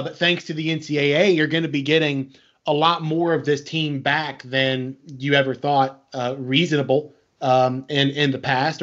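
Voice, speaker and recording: A man's voice: a little high, a bit bright. A man hosting a sports interview, building up to his questions in long, wordy, circling lead-ins. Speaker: podcast interviewer. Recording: dull, lo-fi audio.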